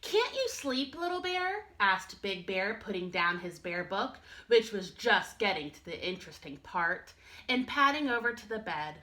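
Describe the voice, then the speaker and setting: A first-grade teacher reads a picture book aloud to young children, speaking to them directly and expressively. Her voice is mid-range and her pace moderate.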